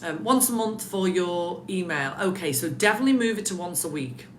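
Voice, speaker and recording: A woman with a lowish, animated voice talks a little fast while coaching photographers in a casual live session from home, with her pets nearby. She's chatty and encouraging and addresses viewers by name. The room is echoey, with a little hiss or hum.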